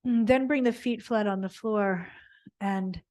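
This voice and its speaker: In a mid-range voice, a yoga teacher leads a gentle, unscripted spiritual body scan. She pauses and drifts often, searching for what to say.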